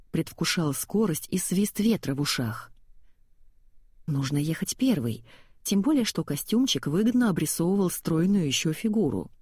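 Low, husky woman reading a story. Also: darkish tone, no room sound, studio quality.

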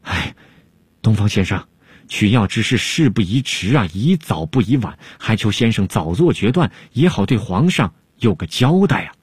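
A man voicing an anxious, timid male alchemist who frets and pleads, with a husky voice. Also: on the low side, very animated, normal speed, no room sound, studio quality, heavily acted. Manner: fretful, pleading.

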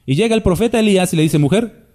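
Chatty preacher, mellow voice. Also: male voice, high-pitched, racing. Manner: conversational preaching with asides to the congregation. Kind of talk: sermon.

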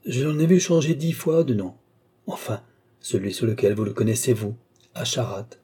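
A man's voice: medium pitch, animated, moderate pace, dark tone, breathy edge. A man reading the part of a proud, vengeful young woman in an audiobook, earnest and firm. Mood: grave.

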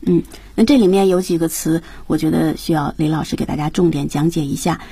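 A woman's voice: deep voice, steady tone, brisk, warm tone, slightly rough. A woman hosting a radio English lesson, introducing guests and moving easily between two languages. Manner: bilingual, switches between her own language and English. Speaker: radio program host. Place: radio studio.

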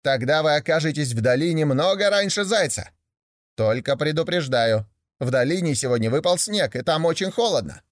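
A sly trickster hare, as a man puts him on for a storybook, speaking in a raised, high voice with smooth, mock-courteous politeness. The recording is close and dry. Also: lively intonation, normal speed, no room sound, lightly acted. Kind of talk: storybook reading.

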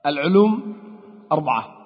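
In a lecture hall, a man teaches Arabic grammar step by step, posing questions and then answering them himself. His voice is on the high side and animated, moving at a moderate pace with a breathy edge. The recording sounds dull and carries a long hall echo.

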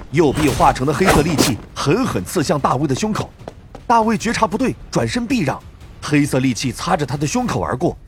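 Expressive male audiobook narrator. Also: on the high side, very noisy. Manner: dramatic, expressive storytelling. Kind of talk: scripted novel narration.

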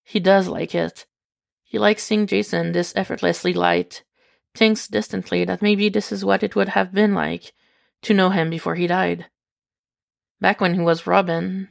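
A woman reading a fan story aloud in calm, intimate scripted narration. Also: fairly low pitch, gravelly. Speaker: podfic reader.

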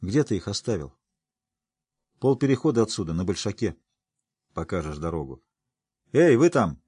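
Man doing a raised, husky, rough-talking old dwarf, jovial, dry storybook reading. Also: on the low side, sing-song, moderate pace, darkish tone, no room sound. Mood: gruff jovial. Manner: folksy rough speech, teasing. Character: gruff boisterous male dwarf, older, laughs often.

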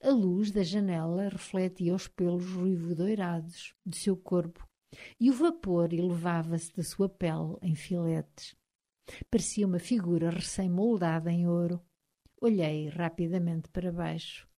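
A woman with a European Portuguese accent narrating a novel in measured tones, sometimes dropping to a hush. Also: fairly low pitch, fairly even intonation. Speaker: audiobook narrator.

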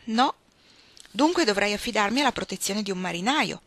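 Brief: a spirited young noblewoman, voiced by a woman who thinks aloud, bright and reflective, with sharp outbursts. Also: medium pitch, animated, fairly quick. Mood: musing. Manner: musing, reflective, with sudden exclamations. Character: Orlando, young noblewoman, once a man, spirited.

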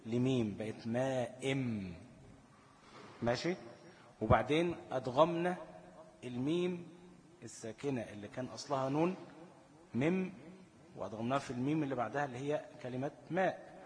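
Egyptian male recitation teacher, mid pitch, quizzing style, long reverb on the voice. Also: animated, a little mellow. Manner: asks the listener questions and answers them himself, chants verse examples slowly. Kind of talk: tajweed lesson in colloquial Egyptian Arabic.

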